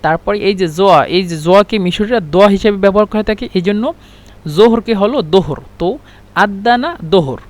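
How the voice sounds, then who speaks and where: A man teaching an Arabic lesson, explaining slowly and repeating words and letters one at a time. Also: high voice. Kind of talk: spoken language lesson.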